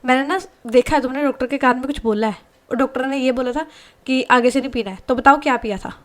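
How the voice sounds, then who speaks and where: A woman's voice: sits high, quick pace, close to an everyday voice. A woman voicing a young woman who firmly scolds and questions her partner. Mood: scolding.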